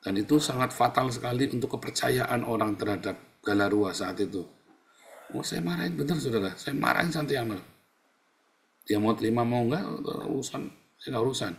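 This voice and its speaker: A male pastor preaching a casual sermon, talking to the congregation in a conversational, animated way with rhetorical questions. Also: mid-range voice, brisk, gravelly.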